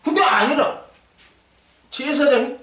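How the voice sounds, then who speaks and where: A man's voice: very high-pitched, takes it slowly. An older man preaching a sermon as pastor, asking the congregation questions and joking with them. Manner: lively, asks the congregation questions, jokes. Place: church sanctuary. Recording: echoey church hall, mic at a distance.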